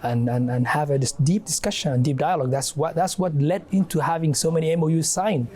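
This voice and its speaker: Halting man from Somalia, mellow voice. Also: on the high side. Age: young adult. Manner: halting, many fillers and restarts. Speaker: guest, adviser and academic. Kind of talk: interview answer.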